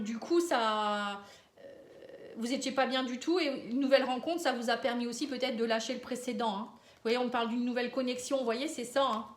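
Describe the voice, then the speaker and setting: A woman's voice: on the high side, roomy sound. A woman giving a casual card-reading guidance, hesitant and full of fillers. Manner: hesitant, frequent euh and hein fillers. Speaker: tarot reader.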